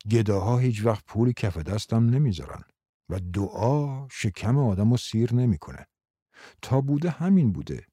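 A man's voice: lowish voice, warm tone, slightly rough, no echo, clean studio sound. A man voicing a guilt-ridden village priest in a brooding, confessional inner monologue.

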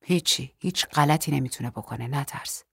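A woman voicing a hurt but protective young man in her own low, quiet voice. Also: creaky, breathy edge, no echo, clean studio sound, full character voice. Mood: reassuring.

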